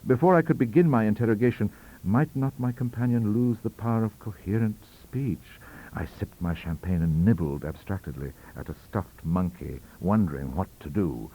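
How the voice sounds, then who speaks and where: A man reads a ghost story aloud for an audiobook, his delivery theatrical, wry, and richly varied in expressive storybook style. His voice is fairly low, mellow, and slightly rough, at a moderate pace. The recording itself is rough.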